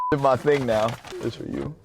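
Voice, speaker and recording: A man's voice: mid-range voice, fairly even intonation, moderate pace, very noisy. A man hosting a mukbang vlog, chatting casually and bluntly about the food he's eating, with plenty of swearing and jokes. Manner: profane, blunt and joking. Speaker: mukbang vlogger. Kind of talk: casual food-review chat.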